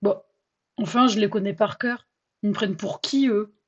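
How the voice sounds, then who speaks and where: Woman, podcast host, personal storytelling, expressive, self-mocking, breathy tone, dull lo-fi recording. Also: mid-range voice, moderate pace.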